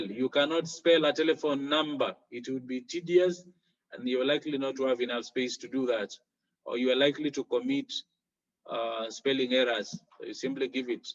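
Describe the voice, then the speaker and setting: A man's voice: medium pitch, muffled recording. A man teaching a French exam lesson, explaining each step with worked examples.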